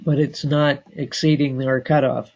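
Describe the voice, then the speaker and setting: A man training staff on database software, talking slowly and deliberately with frequent filler pauses. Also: medium pitch, flat delivery, gravelly, dull audio. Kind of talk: screen-share software tutorial.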